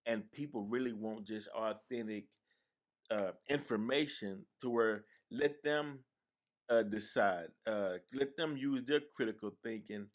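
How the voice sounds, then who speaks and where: A man hosting a radio interview, speaking haltingly with repeated words and restarts. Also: on the low side. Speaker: radio show host. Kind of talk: conversational interview.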